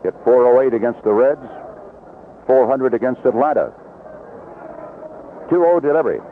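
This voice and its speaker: A male baseball announcer calls live play-by-play on the radio from an outdoor ballpark broadcast position, using short descriptive phrases at a moderate pace. His pitch sits at an ordinary male height but moves widely and animatedly. The audio is narrow and lo-fi, like a 1970s radio broadcast, with faint noise behind him.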